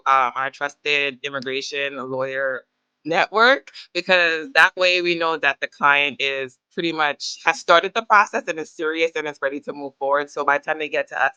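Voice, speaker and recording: Bright, crisp-voiced woman founder. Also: low voice, dry recording, muffled recording. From Guyana. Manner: upbeat, confident explaining. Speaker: company founder. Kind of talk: business interview.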